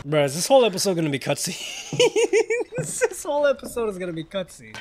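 Here a young gaming channel host, tired and up late, runs a casual let's-play full of profanity and laughter as he argues with the game. His high voice swings hugely in pitch at a brisk pace, with loud game music behind it.

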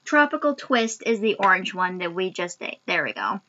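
With big swings in pitch at a normal speed, a young woman chats casually to her webcam while sampling sour candy for a taste challenge. The mid-range voice comes across pushed and bright, though the audio from the arm's-length webcam in her small home room is dull.

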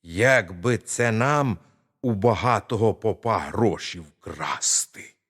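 A man's voice: lowish voice, animated, slow pace, fairly bright tone, slightly rough, heavily acted. A man doing wary whispering thieves. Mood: wary, hushed. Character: two grown male thieves, scheming and jumpy.

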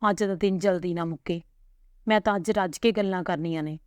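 A young daughter about to marry speaks earnestly and from the heart, as a woman storyteller plays her. The voice is low and close, in a dry recording. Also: a little fast, a little mellow, clean tone, no echo, close to an everyday voice. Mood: heartfelt. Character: young bride-to-be daughter, emotional.

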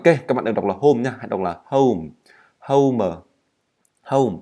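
A man with a somewhat low voice and a Vietnamese accent runs an English pronunciation lesson. He explains patiently and says key words over and over so learners can copy them. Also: a little mellow. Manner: explains slowly, repeats words to model pronunciation. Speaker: English teacher.

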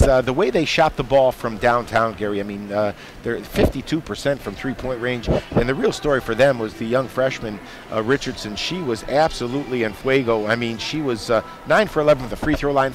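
A man giving color commentary after a basketball game, folksy and animated in his analysis. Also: medium pitch. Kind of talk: postgame sports analysis. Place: basketball arena broadcast booth.

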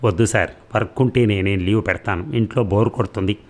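A man reads the lines of a polite young woman employee in an audiobook. He barely changes his own lowish voice and keeps the reading plain and courteous. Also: fast, a little mellow, natural voice. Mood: grateful. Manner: polite, pleading. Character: young woman employee, anxious then relieved.

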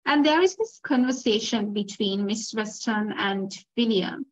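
A woman giving a literature lecture, reading passages aloud and checking in with her listeners in a measured way. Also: medium pitch, muffled recording.

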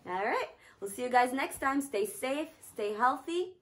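A woman hosts a children's storytime and reads the book aloud. She quizzes the kids in a warm, teacherly way. Her voice is fairly high and very animated. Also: normal speed. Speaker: storytime host.

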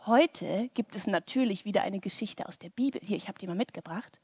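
A woman's voice: medium pitch, fairly quick, warm tone, breathy edge, no room sound, clean studio sound. A woman presenting a children's church show, telling a story playfully with lots of sound effects. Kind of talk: animated children's story with movements.

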